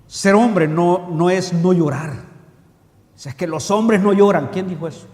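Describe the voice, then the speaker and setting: A man delivers an animated sermon, throwing rhetorical questions at his congregation. His voice sits high for a man. The sound rings with the long reverb of a church hall. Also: a little slow. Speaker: pastor.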